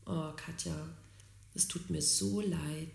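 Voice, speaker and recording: A woman's voice: low-pitched, steady tone, slow, gravelly, reverberant, full character voice. A woman quoting her offhand, self-centered boyfriend in a casual, dismissive tone.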